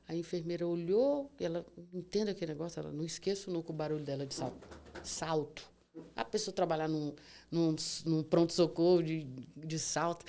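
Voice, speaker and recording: Creaky-voiced woman. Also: low voice. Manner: vivid, animated retelling with acted-out dialogue and sound words. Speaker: guest, cancer survivor. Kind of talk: emotional storytelling in a podcast interview.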